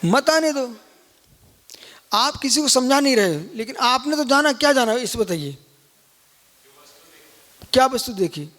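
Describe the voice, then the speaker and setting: A man's voice: very high voice, lively intonation, a little slow, pauses often, a bit bright. A man, a Jain monk, giving a live scripture lecture and keep prodding listeners with questions. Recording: long hall reverb.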